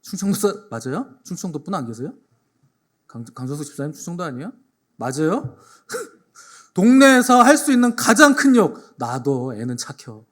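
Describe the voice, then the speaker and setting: A man's voice: high-pitched, animated, moderate pace, a bit bright. A man preaching a Sunday sermon to his congregation in a church. He repeats key phrases for emphasis and tells jokes. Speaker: pastor.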